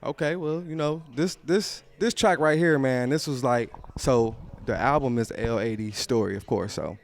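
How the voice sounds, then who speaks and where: Man, rapper guest, from Pontiac, casual storytelling, slangy, laid-back, medium pitch. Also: moderate pace, gravelly. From Pontiac, Michigan. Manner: laid-back, rambling, slangy, laughs often. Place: clothing store.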